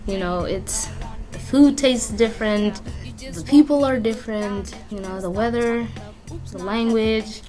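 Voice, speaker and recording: A woman's voice: a little high, measured pace, warm tone. Earnest young woman from Kenya, music underneath. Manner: earnest, reflective. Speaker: interviewee. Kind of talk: casual interview. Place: community center.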